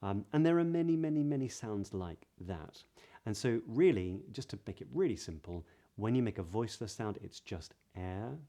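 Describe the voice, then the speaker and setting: A British man with a low, dark and very relaxed voice teaches pronunciation to camera. He explains in a measured, instructive manner, leaning on key words as a voice coach would. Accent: British English. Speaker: voice coach, video host.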